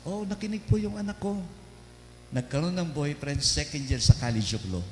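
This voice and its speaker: A man's voice: on the high side, very animated, normal speed, darkish tone. A Filipino man in his fifties preaching a sermon in a church, mixing English into his talk and telling family stories with humor. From Philippines. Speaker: pastor. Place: church hall. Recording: echoey church hall with hum.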